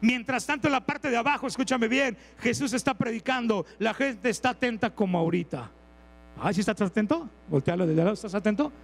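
A man's voice: very high voice, a little fast, in a large hall, poor audio. A man with a Mexican accent preaching a sermon, telling stories, acting out characters and asking the congregation questions. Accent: Mexican Spanish. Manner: storytelling, acts out characters, asks the congregation questions.

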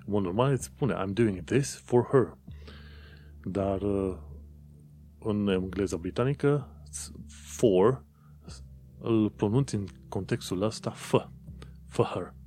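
A man's voice: on the low side, darkish tone. A man talking casually to his viewers and explaining things in an informal, chatty way with frequent fillers and restarts. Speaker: vlogger.

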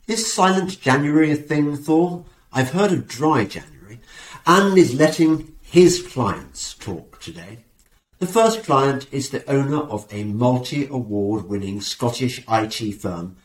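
A man's voice: mid-range voice, animated, measured pace. An English man hosting a podcast, reading an advert and chatting with a jokey, sarcastic manner. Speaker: podcast host. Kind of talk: casual chat and read advert. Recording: roomy echo.

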